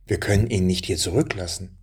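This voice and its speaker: A man voicing a steady, caring father in a children's story, speaking calmly and quietly. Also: low-pitched, fairly quick, breathy edge. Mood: hushed. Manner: calm and hushed.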